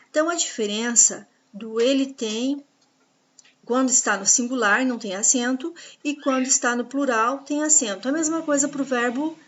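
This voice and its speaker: A woman teaching a grammar lesson, patiently explaining rules and spelling out examples slowly. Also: a little high, dull audio. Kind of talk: grammar lesson over slides.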